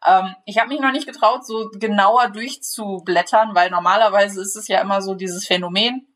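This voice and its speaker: Woman, author, casual chat, chatty, restarts, mid pitch. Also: fairly even intonation, normal speed, fairly bright tone. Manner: chatty, many restarts and laughs, swears casually.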